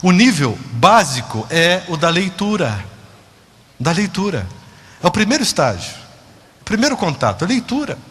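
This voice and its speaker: A man preaching a sermon, dramatic, moving between hushed and emphatic. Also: high voice, very animated, normal speed, husky, in a large hall.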